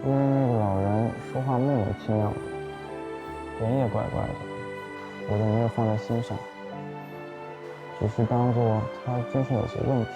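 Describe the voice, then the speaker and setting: A man's voice: medium pitch, steady tone, normal speed, pauses often, natural voice. A man playing a troubled young man who confides hesitantly, in naturalistic audio drama style. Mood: uneasy. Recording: music under the voice.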